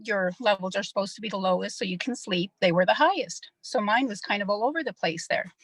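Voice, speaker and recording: A middle-aged woman gives a personal testimonial on an online call. She sounds a little nervous, and her voice sits at an average pitch with a dry, close sound. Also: quick pace, slightly rough, no room sound. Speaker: customer giving a testimonial.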